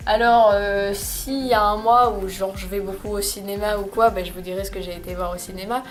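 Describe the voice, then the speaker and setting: A woman's voice: medium pitch, steady tone, brisk, music in the background. A young woman, chatting casually in a recommendations vlog, hesitant, with many fillers and restarts. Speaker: vlogger. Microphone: camcorder microphone.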